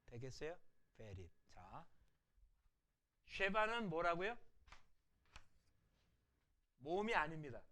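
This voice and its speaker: Lively man teaching a language lecture. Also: fairly high pitch. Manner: explains patiently, asks rhetorical questions and answers them himself; repeats example words slowly and softly. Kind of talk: recorded online lecture.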